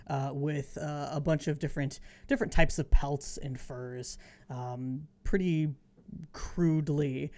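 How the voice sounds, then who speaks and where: Woman game master, halting scene descriptions. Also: low-pitched, dark tone. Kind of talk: improvised tabletop game narration.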